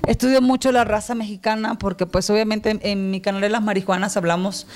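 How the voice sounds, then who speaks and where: A woman's voice: mid-range voice, fairly even intonation, fairly quick, a little mellow. A Venezuelan woman in her thirties, a guest on a studio talk show, talking in a playful, rambling way into a handheld mic. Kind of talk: casual studio chat. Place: TV studio set.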